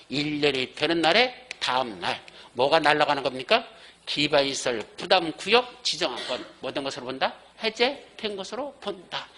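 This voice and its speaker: A male instructor lectures with a bright, ringing tone set fairly high. His voice carries a slightly husky edge as he fires questions at the class, answers them himself, and stretches out the words that matter. The result is a brisk, engaged classroom teaching style. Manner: stresses key points by slowing down. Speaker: exam prep instructor.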